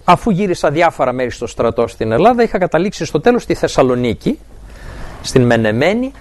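Middle-aged male speaker, faith testimony, wide swinging intonation, higher-pitched voice, acts out dialogue. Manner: animated storytelling, acting out dialogue. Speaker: university professor giving a faith testimony. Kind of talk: personal testimony talk.

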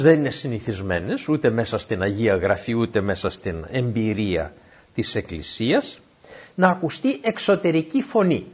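A man giving a Bible teaching talk, a lively storyteller who asks his listeners questions. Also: mid-range voice, husky. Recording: dull, muffled lo-fi recording.

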